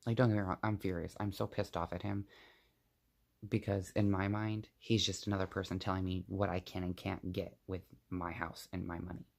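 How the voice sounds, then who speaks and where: A man's voice: deep voice, flat delivery, moderate pace, vocal fry. A young man vlogging, venting to the camera in a rambling, blunt and profane way.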